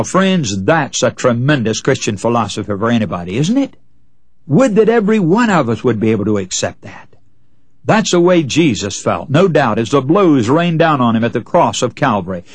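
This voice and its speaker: Husky, animated male preacher. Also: mid-range voice, no echo. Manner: earnest, folksy preaching, addressing listeners as friends. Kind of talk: radio sermon with illustrative stories.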